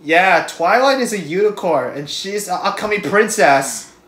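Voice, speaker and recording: A man's voice: high voice, expressive, moderate pace, fairly bright tone, roomy sound. A man hosting a reaction video, chatting casually and restating what happens on screen.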